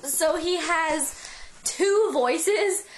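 A woman's voice: very high-pitched, very slow, slight background noise. A young woman chatting casually and teasingly into a handheld camera at home late at night. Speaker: video blogger. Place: at home, indoors. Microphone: handheld camera mic.

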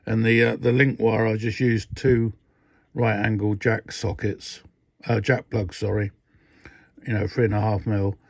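Rambling and restarting with plenty of fillers, an older radio hobbyist casually shows a modification at his indoor workbench. His voice sits on the low side, gravelly, with little pitch movement and a slightly slow pace. The lo-fi phone recording is dull and dry.

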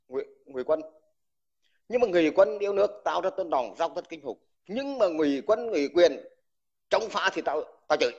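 A man who is an army veteran, delivering an angry, insulting rant to someone in a livestream and stammering over repeated words when heated. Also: on the high side. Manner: combative, insulting, addresses the listener with crude terms. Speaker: army veteran speaking out online. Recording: dull lo-fi recording.

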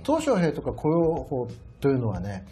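A man's voice: on the high side, huge pitch swings, moderate pace, warm tone, soft background music. A male guest commentator speaking in an analytical, conversational way during a political discussion.

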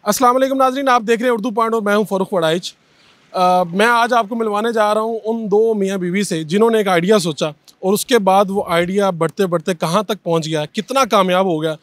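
A young man, hosting a brisk street interview outdoors with a handheld mic. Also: sits high, a bit bright, no echo. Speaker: interviewer and anchor. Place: busy city street outdoors.

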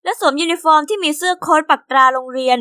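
A woman tells an animated story in the first person, voice high and clear-toned. She is chatty and speaks straight to the listener. The sound is dry and close. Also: fast, no echo.

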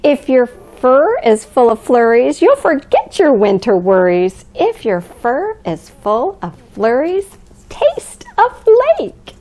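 A woman's voice: high-pitched, wildly swooping pitch, slow pace, darkish tone, exaggerated voice. A woman playing a cheerful, grandmotherly Mrs. Claus, reading a picture book aloud to young children in an exaggerated, sing-song way. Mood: playful, lively. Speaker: children's storyteller. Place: living room by a fireplace, indoors.

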